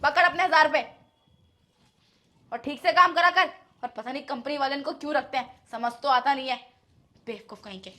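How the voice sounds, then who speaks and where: A woman's voice: pushed and bright, a little hiss or hum. A woman acting a short-tempered housewife in a short drama who scolds sharply and later turns tearful with remorse. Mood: scolding. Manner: scolding, shrill, then tearful.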